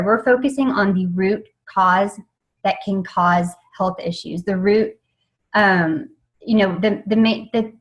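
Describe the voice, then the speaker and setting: A woman's voice: medium pitch, rough recording. Chatty woman giving a team training. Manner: eager, chatty, many fillers and restarts. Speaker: network marketing team trainer. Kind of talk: informal training talk.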